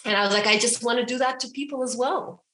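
A woman's voice: on the high side, quick pace, a bit bright, echoey room. A woman in her thirties from Ukraine, a hypnotherapist and interview guest who talks in a chatty way, with fillers like "you know". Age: 30s. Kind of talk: casual interview.

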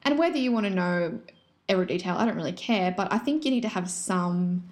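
A woman with a squeaky, chipmunk-like voice, chatting casually and informally with lots of "like". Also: animated, a little fast. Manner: informal, frequent "like". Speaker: yoga and meditation teacher. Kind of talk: casual chat.

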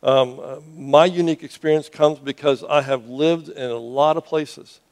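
A pastor who grew up in Cuba preaches earnestly to his congregation, frequently restarting words and putting questions to the audience. His voice is fairly high and darkish, steady in tone, at a normal speed.

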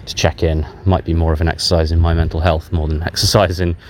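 A man with a very deep voice records a confessional audio diary on a dictaphone. He is subdued and self-deprecating, speaking in halting, candid phrases. The outdoor recording carries some background noise. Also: flat delivery. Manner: hesitant, halting, candid with frequent long pauses. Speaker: podcast host. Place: outdoors in a public park while out walking. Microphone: handheld voice recorder. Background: outdoor park ambience.

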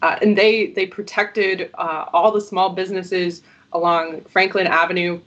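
A woman's voice: on the low side, steady tone, measured pace, a bit bright, lo-fi sound. A woman speaking on a video call as a panel guest, her audio glitching and cutting out, talking hesitantly with many fillers. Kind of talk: online panel discussion.

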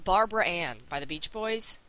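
A woman's voice: on the low side, animated, normal speed, pushed and bright. A woman co-hosting a podcast in casual chat, blunt and outspoken, swearing freely. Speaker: podcast co-host.

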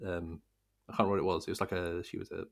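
A man's voice: low-pitched, level tone, rapid-fire, vocal fry. A man co-hosting a podcast, teasing his co-host and laughing often in casual film chat.

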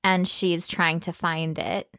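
A woman co-hosting a podcast who speaks at an unhurried, slow pace. She giggles and jokes in a casual way, and the recording is dry and close. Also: lowish voice, flat delivery, a bit bright, smooth, no room sound. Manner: giggly, joking. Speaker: podcast co-host. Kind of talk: casual chat.

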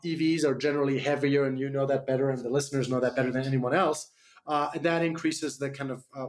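Answering questions in a radio interview, this startup CEO from Germany speaks in a mid-range voice with a slight German accent. He's hesitant, often restarting and leaning heavily on fillers.

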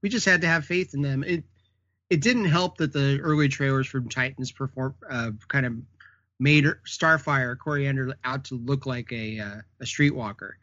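A man's voice: mid-range voice, moderate pace, sharp tone, dry recording. A man co-hosting a casual chat about comic book shows, chiming in with short agreements and corrections. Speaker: podcast co-host. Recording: dry, dull lo-fi sound.

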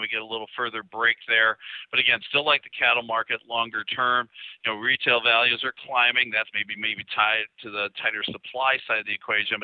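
A man, giving market commentary over a phone line, with steady talk and frequent fillers. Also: mid-range voice, no room sound. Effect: heard over a phone line. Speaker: market analyst guest. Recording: tinny dry phone line.

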